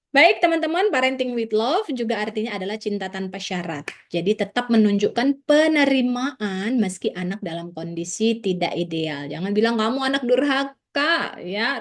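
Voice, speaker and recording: A woman psychologist giving a casual, reassuring seminar talk to parents, often dropping in little filler words as she explains. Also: mid-range voice. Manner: chatty, peppers speech with "nah" and "ya"; warm, reassuring teaching tone.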